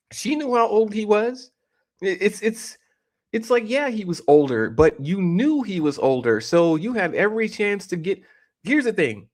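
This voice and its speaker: A man in his forties giving casual, opinionated reaction commentary on a video, rambling and joking as he goes. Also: a little high. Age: 40s.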